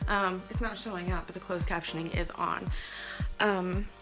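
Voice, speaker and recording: A woman in her thirties from the States, chatting casually in a home vlog and filling pauses with "um". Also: on the low side, steady tone, over music. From Southern US. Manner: chatty, frequent "um" fillers. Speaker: family vlogger.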